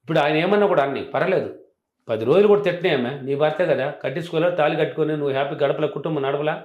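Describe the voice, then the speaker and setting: A man coaching couples, talking fast and emphatically and driving his points home with repetition. His voice sits slightly high. A roomy echo hangs around his words. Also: dull audio. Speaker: relationship coach. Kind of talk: advice talk.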